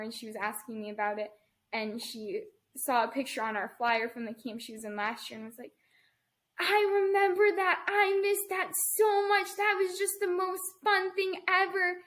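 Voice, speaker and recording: A young woman in her early twenties with a high voice, co-hosting a podcast. She tells long rambling stories in a casual, chatty way. Her humor is dry and sarcastic. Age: early 20s. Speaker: podcast co-host. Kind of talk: casual chat.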